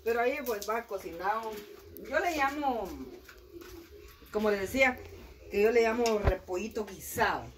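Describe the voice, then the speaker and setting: A woman's voice: fairly high pitch, normal speed, pauses often. A woman in her thirties hosting a casual cooking vlog, chatting to viewers as she explains each step. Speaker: home cook and channel host. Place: outdoor kitchen with wood fire under a tin roof. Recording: noisy outdoor phone audio. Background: fire and food sizzling.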